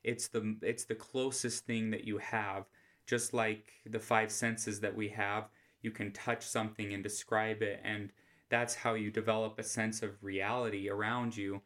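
An American man giving an informal religious lesson in a soft, quiet voice, with a flat monotone manner. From Utah, United States. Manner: flat monotone, speaking low without inflection. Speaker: host of a scripture study podcast. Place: quiet room at home.

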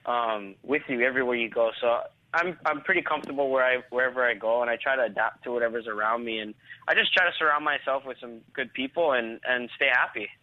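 A man's voice: medium pitch, fast. A man from Hawaii chatting casually as an interview guest, laid-back and often repeating himself. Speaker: professional surfer, interview guest. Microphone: phone call. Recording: tinny phone line.

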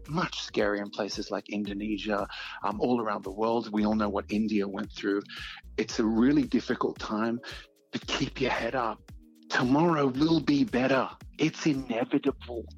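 A man chats earnestly on the radio in a low, gravelly voice. He is affirming in manner, and the sound is a little dull with music playing faintly behind him. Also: normal speed. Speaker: radio show host, guest on air. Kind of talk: radio interview chat.

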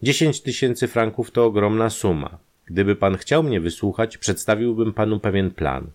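A man voicing a smooth-talking male private detective, a conman who speaks in an ingratiating, persuasive way. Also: on the low side, expressive, moderate pace, pitched above the performer's own voice, lightly acted. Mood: wheedling.

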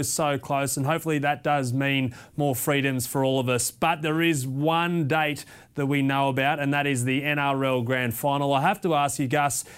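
An Australian man hosts a casual broadcast interview. His voice is smooth and resonant, sitting slightly higher than average for a man. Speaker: interview host.

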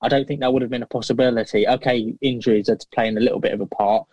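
Flat-voiced fan in a dry interview. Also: male voice, mid-range voice, fast talker, dry recording, muffled recording. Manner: earnest, hesitant, many fillers and restarts. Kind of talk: interview answers.

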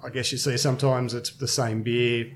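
A man's voice: mid-range voice, flat delivery, moderate pace, slight background noise. A man of fifty, a brewery co-founder, chatting casually as a guest and thinking aloud with many fillers. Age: 50s. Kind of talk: casual interview chat.

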